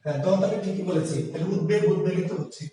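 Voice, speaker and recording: A man's voice: high voice, rapid-fire, warm tone, very echoey, long reverb tail, distant mic, poor audio. A male teacher with a Bangladeshi Bengali accent gives an online grammar lecture. He explains each point step by step and keeps asking the class questions.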